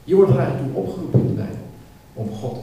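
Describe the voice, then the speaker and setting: A man's voice: on the high side, lively intonation, rapid-fire, warm tone, a little hiss or hum. Emphatic man preaching in an echoey hall. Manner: emphatic, repeats words while building a point. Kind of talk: sermon. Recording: echoey hall, speaker far from mic.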